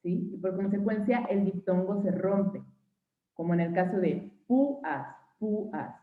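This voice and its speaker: A young Mexican woman teaches an online phonetics class in a mid-range voice with fairly even intonation and a moderate pace. She patiently spells out examples and checks in with students every few sentences, often asking "¿sí?" and "¿va?". The line sounds tinny, like a phone.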